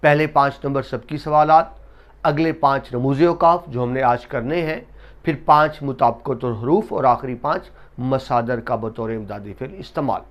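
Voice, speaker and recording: An Urdu lecturer with a mid-range voice teaches a classroom grammar lesson, speaking to students directly. He talks slowly and emphatically, stretching key words and repeating terms as drills so they stick.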